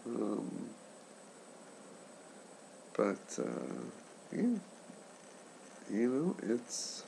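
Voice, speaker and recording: Man, late 20s, deep and slow, congested post-surgery speech, hushed halting vlog chat, faint noise. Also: wildly swooping pitch, creaky, low-quality recording. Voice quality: congested, impaired articulation after throat and nose surgery. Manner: subdued, keeping voice down for a sleeper; halting, trailing pauses. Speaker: patient sharing surgery recovery.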